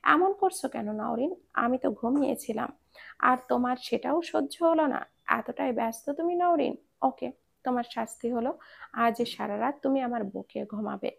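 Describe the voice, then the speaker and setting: A woman reading the lines of a bossy male minister who teases and threatens his wife, in a lower, quieter voice. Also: normal speed, gravelly. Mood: teasing. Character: stern commanding male minister, teasing husband.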